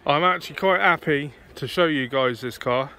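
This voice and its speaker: Pushed and bright, a little high and at normal speed, the voice belongs to a British man vlogging a car show. He's outdoors on the grassy field with a handheld phone, offering casual, matey commentary off the cuff.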